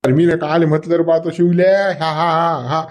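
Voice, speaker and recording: A man's voice: on the high side, flat delivery, moderate pace. A man with a Varhadi Marathi accent, fretting and muttering asides in a village comedy sketch.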